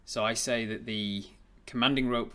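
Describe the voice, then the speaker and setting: A man narrating a tabletop game as game master, improvising haltingly and repeating words as he thinks aloud. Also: medium pitch, steady tone, bright, forceful tone.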